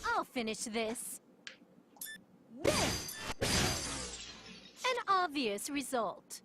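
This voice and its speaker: A woman's voice: high voice, big pitch swings, drawn-out words, loud music behind the voice, full character voice. A woman voicing a confident, resolute transformed warrior goddess in an anime-style game, with dramatic delivery.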